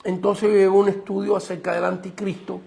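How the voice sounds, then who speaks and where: A man's voice: high-pitched, little pitch movement, fairly quick, vocal fry, a little mellow. A middle-aged man, preaching a Bible class to a congregation and often asking them questions. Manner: teaching preacher, asks the audience questions. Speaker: pastor. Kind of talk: sermon teaching class.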